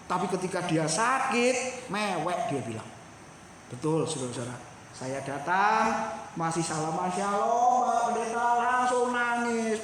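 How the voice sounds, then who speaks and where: A man preaching a sermon as pastor, animated, often addressing the congregation directly. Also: high-pitched. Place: church hall. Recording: echoey church hall, faint noise.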